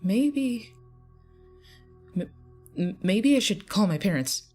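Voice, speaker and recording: A woman's voice: deep voice, moderate pace, slightly rough, soft background music. A stammering scared teen girl, voiced by a woman narrator. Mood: nervous. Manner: stuttering, nervous. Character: frightened teenage girl.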